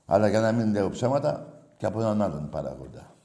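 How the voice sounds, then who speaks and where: Male call-in host, heated sports rant, loud-to-muttering swings, echoey room sound. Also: big pitch swings. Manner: impassioned, swings from shouting to low muttering.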